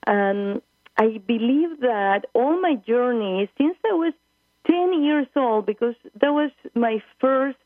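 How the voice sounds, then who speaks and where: Speaking slowly yet with animation, this woman has a highish voice, and there's no room sound on the tinny phone line. She's in her forties, from Argentina, and carries an Argentine Spanish accent. Spanish is her native tongue, so as a spiritual travel leader guesting on a phone-in interview she reaches earnestly for English words.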